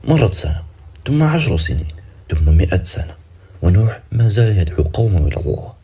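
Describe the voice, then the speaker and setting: A man tells a dramatic story in a deep, husky voice with a dark, mellow tone. He narrates briskly and builds suspense, closing each part on a teasing question. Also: big pitch swings.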